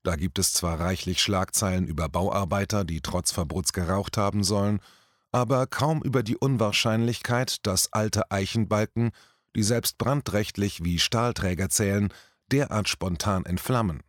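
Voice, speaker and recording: A man reading a scripted commentary aloud in a measured, deliberate manner. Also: fairly low pitch, no room sound, clean studio sound. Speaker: commentary reader.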